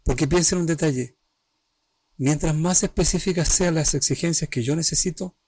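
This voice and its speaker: An emotional healing channel host talks on a livestream in a fairly high but darkish voice with a breathy edge, at normal speed. Conversational, he uses short phrases that restart and often checks the listener follows, recorded with no room sound.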